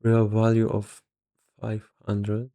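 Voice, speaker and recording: With a slow, completely flat delivery, this man's voice sits on the low side and sounds mellow, with no room sound. A somewhat weary investor, he casually reasons through valuations aloud, tentative and half murmuring to himself.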